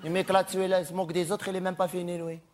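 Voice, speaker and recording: A man's voice: sits high, little pitch movement, rapid-fire, heavy background noise, natural voice. A man performing a stand-up monologue as a vain, chatty, flamboyant male cabaret performer who snaps at hecklers. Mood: snappy. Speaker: comedian.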